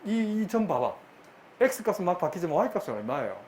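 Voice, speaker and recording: A middle-aged man lecturing a math class, brisk and bantering, often repeating his questions to the students. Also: high-pitched, sing-song, a little mellow. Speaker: math teacher.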